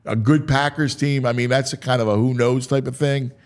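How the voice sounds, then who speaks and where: A sports talk show host with a steady, mid-range voice swings between dramatic, drawn-out delivery and casual, offhand asides.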